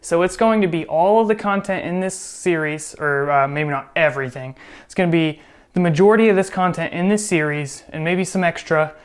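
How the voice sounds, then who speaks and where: A man's voice: on the high side, a little fast, clean tone. A man teaching programming in a casual screen-recorded tutorial, chatty and joking, often correcting himself as he goes. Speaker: programming instructor.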